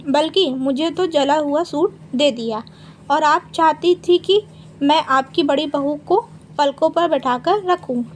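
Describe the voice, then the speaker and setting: A defiant young daughter-in-law, as a woman narrator plays her, high-pitched, loud and biting. She speaks her mind bluntly in a family storybook. Faint noise sits behind her.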